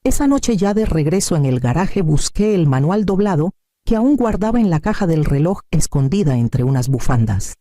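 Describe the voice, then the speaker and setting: Man with a dark, mellow narrating voice. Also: fairly high pitch, sing-song, normal speed, no echo, clean studio sound. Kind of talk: scripted first-person story narration.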